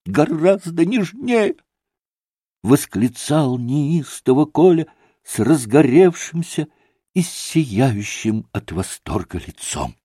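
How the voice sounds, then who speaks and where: A man narrating a classic novel in a measured, deliberate storytelling manner. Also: mid-range voice, animated, dark tone, husky, no room sound, studio quality. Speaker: audiobook narrator. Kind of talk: scripted literary narration.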